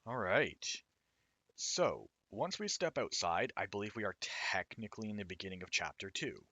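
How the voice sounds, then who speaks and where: Hoarse man, deep voice, bright edge, rambling game commentary. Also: animated, moderate pace, dry recording. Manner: rambling, explanatory, casual. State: hoarse, raw throat. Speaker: indie game developer. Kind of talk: let's-play commentary.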